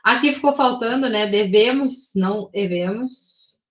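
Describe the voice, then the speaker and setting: A high-pitched woman with a Brazilian Portuguese accent walks her class through grammar rules step by step, patient and methodical, checking in every few phrases. Her voice sits in a roomy space, and the recording sounds slightly dull. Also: unhurried, fairly bright tone. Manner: patient, methodical, checks in with frequent tag questions. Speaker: English teacher.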